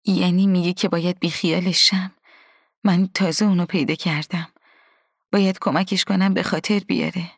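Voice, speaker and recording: A woman reading a first-person story aloud in a soft, hushed, partly whispered way, with a husky voice. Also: lowish voice, fairly even intonation, dry recording, clean studio sound. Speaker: audiobook narrator. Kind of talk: scripted first-person narration.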